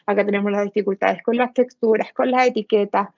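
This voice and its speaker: A woman's voice: mid-range voice, steady tone, a little fast, vocal fry, darkish tone, no room sound, lo-fi sound. A woman giving a seminar talk, explaining with examples and acted-out quotes.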